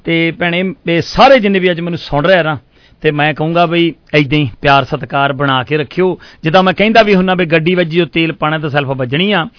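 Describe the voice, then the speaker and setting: A man's voice: fairly high pitch, quick pace, dry recording, highs cut off. A man with a Punjabi accent hosting a radio call-in show, effusive and often repeating his phrases. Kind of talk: live music request show chat with sponsor reads.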